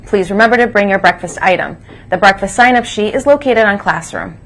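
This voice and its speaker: A woman's voice: medium pitch, expressive, fairly quick, a bit bright, low-quality recording. A woman reading scripted news and announcements as co-host of a school morning broadcast. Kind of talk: scripted announcements, read aloud.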